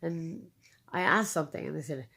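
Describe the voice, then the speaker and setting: A woman recounting her own experiences to an interviewer, halting with fillers and repeating phrases for emphasis. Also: sits low, vocal fry, pushed and bright. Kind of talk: personal storytelling in conversation.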